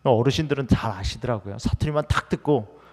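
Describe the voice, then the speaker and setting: The preacher's voice is medium-pitched, brisk, and somewhat dark as he delivers a conversational sermon in a church sanctuary. He puts many questions to the congregation, and the recording carries a long hall reverb.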